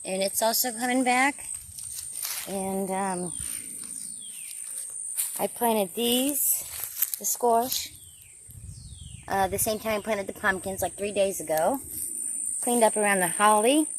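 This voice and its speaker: This gardener speaks slowly in a mid-range voice, pausing often while she chats and thinks aloud during her outdoor work. Her casual vlog recording carries a little hiss or hum.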